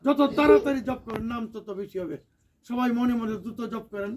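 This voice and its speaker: A man's voice: very high-pitched, brisk. A man leading a call-and-response prayer, teaching the group and correcting their pronunciation. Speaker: prayer leader. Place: religious gathering. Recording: loud crowd of worshippers behind.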